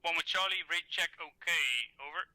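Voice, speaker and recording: Brief: man, squad radio operator heard through a helmet radio, bright and dry, clipped radio procedure. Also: fairly high pitch, fairly even intonation, fairly quick, no echo. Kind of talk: military radio procedure in a game.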